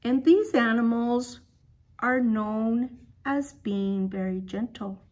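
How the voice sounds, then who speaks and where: A woman leading a children's Bible lesson, telling a story gently and asking the little ones questions. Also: fairly high pitch, slow. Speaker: children's program leader.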